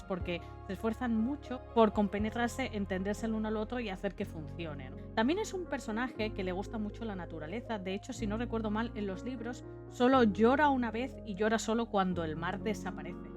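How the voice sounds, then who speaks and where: A woman with an accent from Spain giving casual video essay commentary in an informal, chatty manner. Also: mid-range voice. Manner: informal and chatty, with conversational tag questions. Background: background music.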